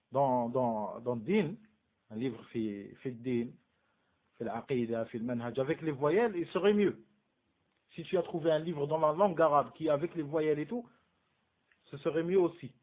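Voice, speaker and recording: A man giving a casual religious lesson, asking his students rhetorical questions and mixing in Arabic terms. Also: mid-range voice. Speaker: Islamic studies teacher. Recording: phone-like narrow band.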